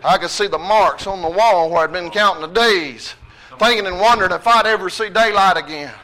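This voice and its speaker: A male preacher with a high, bright voice and a Southern American drawl. He delivers an impassioned revival sermon in plain folksy talk, driving points home with repetition. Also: a little fast, poor audio. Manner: folksy Southern drawl, exhorting with repeated phrases.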